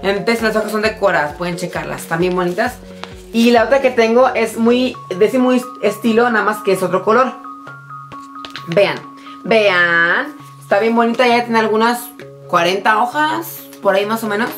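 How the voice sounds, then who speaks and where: A woman's voice: fairly high pitch, normal speed, faint music behind. Tired but bubbly woman vlogger. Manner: bubbly, excitable, talks straight to viewers. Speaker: vlogger showing a shopping haul. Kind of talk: casual chatty product show-and-tell.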